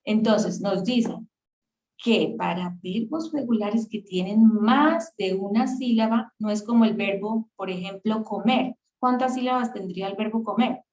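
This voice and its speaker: A woman's voice: medium pitch, a little slow, a little mellow, poor audio. A woman teaching an English grammar class over a video call, explaining patiently and often checking that students follow. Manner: patient, checks understanding with questions. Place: virtual session.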